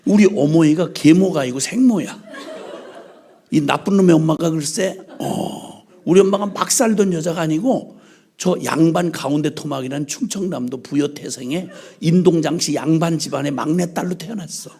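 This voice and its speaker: An older man preaching at a church revival meeting, telling humorous stories and mimicking his mother's scolding with lively, joking energy. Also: on the high side, normal speed, breathy edge. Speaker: missionary preacher. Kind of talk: humorous sermon storytelling.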